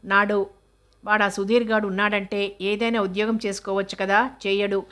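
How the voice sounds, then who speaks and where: A gentle teenage student who worries about her father's debts, as a woman reads her part. She talks softly and mildly, in an even voice with little melody. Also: medium pitch, a little fast, natural voice. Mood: worried.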